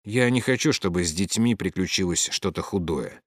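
A man reading a sharp-tongued, scornful young woman in an audiobook. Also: low voice, expressive, normal speed, no room sound, clean studio sound. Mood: cold, wary. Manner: cutting and blunt.

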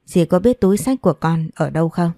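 A woman voicing a gentle, polite young woman in a storybook reading. low, warm, mellow voice, soft and plain, in a dry close room. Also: lively intonation, brisk, no echo.

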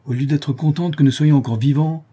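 A man's voice: fairly low pitch, normal speed, mellow, slightly rough. A man voicing a blunt, jovial craftsman in a spoken storybook, with a wry way of talking.

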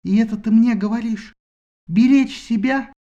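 A man's voice: high voice, normal speed, dark tone, highs cut off, voice pushed up. A man voicing a grieving young wife who pleads and reproaches her husband emotionally. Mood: bitter.

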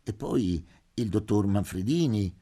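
A man's voice: on the low side, expressive, a little slow, warm tone. A man voicing a flustered timid doctor. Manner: stammering, flustered, fussy. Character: timid, anxious middle-aged male doctor. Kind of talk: audiobook character voice.

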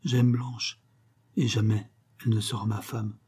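A man voicing a distraught young nobleman who speaks in a hushed, breaking, half-whispered way. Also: on the low side, flat delivery, unhurried, slightly rough.

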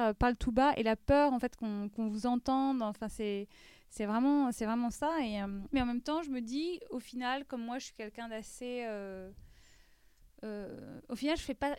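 Woman podcast guest, higher mellow voice, hesitant and reflective, dry close mic. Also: clean tone, dry recording. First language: French. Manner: reflective, many hesitations and restarts. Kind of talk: podcast interview.

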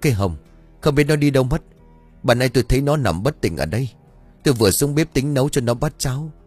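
A man's voice: medium pitch, animated, a little mellow, breathy edge, faint music behind, pitched above the performer's own voice. A man voicing a fretful older village woman in a spoken story. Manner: fretful and rushed.

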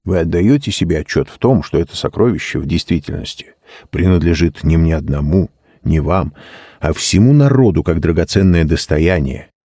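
A man voicing a gentle, cunning old male lord who talks in a mild, measured, persuasive way. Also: sits low, lively intonation, slightly rough, dry recording, studio quality.

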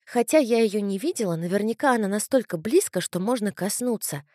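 A woman narrating an audiobook in a measured first-person storytelling manner. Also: medium pitch, lively intonation, warm tone, dry recording, studio quality. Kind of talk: scripted narration.

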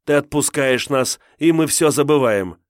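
A man voicing a frightened, fierce captive woman who shouts and pleads in a high, strained voice. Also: moderate pace, no room sound, clean studio sound, natural voice. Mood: pleading.

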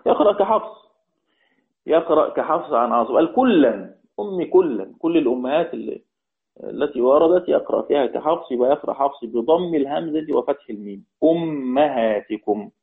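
A man with an Egyptian accent teaching Quran recitation rules, repeating key words slowly and quizzing his students. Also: fairly high pitch, lively intonation. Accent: Egyptian Arabic. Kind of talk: explaining recitation rules in a lesson. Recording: tinny phone-like sound.

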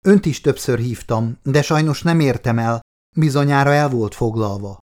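A man voicing a police lieutenant colonel delivering bad news in an audiobook, formal and measured. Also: medium pitch, darkish tone, natural voice. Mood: solemn. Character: middle-aged male police lieutenant colonel, formal and solemn. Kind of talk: audiobook character voice.

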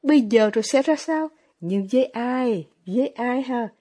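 A woman voicing a gentle, earnest young man in a storybook reading, pained and halting. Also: on the high side, animated. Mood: remorseful.

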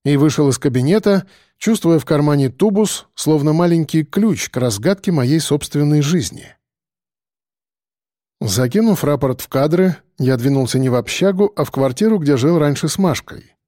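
A man narrates a first-person story with a lively, expressive melody and a wry edge. His voice is mellow and a bit high for a man. It is recorded dry and close. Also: moderate pace, no echo. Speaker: audiobook narrator.

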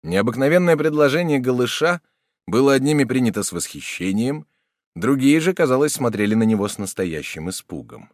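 A man's voice: medium pitch, big pitch swings, fairly quick, dry recording, studio quality. Man narrating a classic novel. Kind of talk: audiobook narration.

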